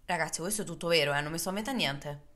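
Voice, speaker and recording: A young woman from Italy, telling a lively casual story to her viewers and acting out the quotes. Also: low voice, very fast. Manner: animated, acts out quotes in English. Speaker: vlogger.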